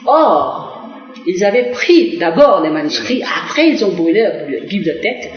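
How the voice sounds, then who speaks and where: Speaking in a fairly low, very animated voice, this middle-aged Korean diplomat responds to a television interviewer. Her delivery is halting, full of pauses, "euh" fillers and restarted phrases, and the recording has the echoey, muffled quality of an old low-fidelity broadcast.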